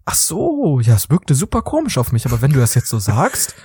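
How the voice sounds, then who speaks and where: A man's voice: mid-range voice, fairly quick, husky, no room sound. A man co-hosting a casual chat podcast, telling stories with lots of laughter and acting out what people said. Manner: animated storyteller who acts out quotes and laughs a lot. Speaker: podcast co-host.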